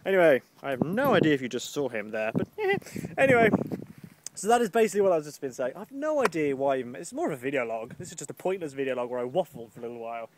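A man's voice: on the high side, very animated, fast talker, noisy background. A man rambling casually in an outdoor vlog, chatty and self-deprecating, swearing now and then. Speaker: vlogger. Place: outdoors with wind.

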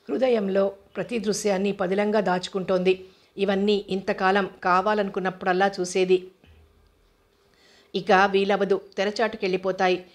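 A woman narrates a novel in a level, unhurried reading voice. Her pitch barely moves, keeping each line calm and even from start to finish.

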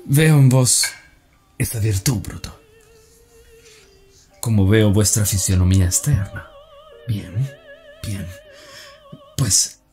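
Playing Cassius, a cunning and persuasive Roman senator, a man in his forties declaims with earnest insistence, halting slightly at times, in a theatrical radio-drama monologue. His voice is fairly low and warm but exaggerated, with pitch that swoops wildly. Soft music runs underneath.

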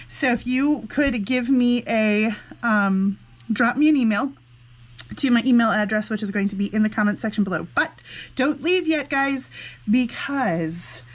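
A woman hosting a crafting vlog, chatting casually in a rambling, effusive and exclamatory way. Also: fairly high pitch. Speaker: crafting channel host. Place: indoors at a desk with a laptop.

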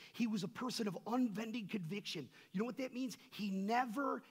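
In a husky voice, a man preaching as pastor shifts from forceful, loud high points to quiet, low-spoken asides, putting rhetorical questions to his congregation.

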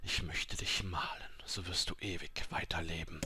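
A man voicing a creepy, ghostly male shopkeeper who speaks in soft whispers and giddy, shrill cries. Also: steady tone, moderate pace. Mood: soft eerie.

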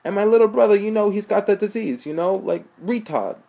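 High squeaky New York street guy. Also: vocal fry, mellow. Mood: mocking. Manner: halting, drawn-out rambling. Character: rambling street guy with a thick accent.

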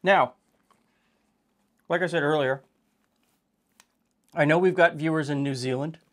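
On his casual home cooking show, a middle-aged man speaks at a measured pace in a fairly high-pitched voice. He chats through each step in a relaxed, chatty way, thinking out loud with easy fillers.

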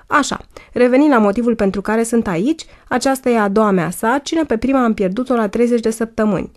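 A woman reading aloud gives a hoarse, commanding instructor of a birth class. Her talk is brisk and steady, pitched somewhat high. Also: close to an everyday voice. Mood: matter-of-fact.

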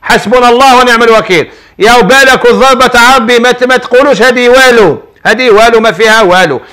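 Emphatic Algerian sheikh giving religious advice. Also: male voice, very high voice, fast, bright, forceful tone, smooth. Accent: Algerian Arabic. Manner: emphatic, repetitive, colloquial storytelling. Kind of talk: preaching, answering viewer questions.

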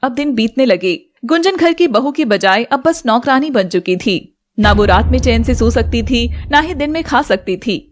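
A woman narrating a scripted animated drama in an even storytelling voice. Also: fairly high pitch, normal speed.

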